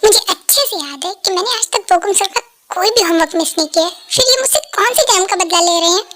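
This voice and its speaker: A woman voicing a cheeky, dramatic teenage son in a fan dub, high voice. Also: expressive, fast talker, a bit bright. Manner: cheeky, exaggerated complaints.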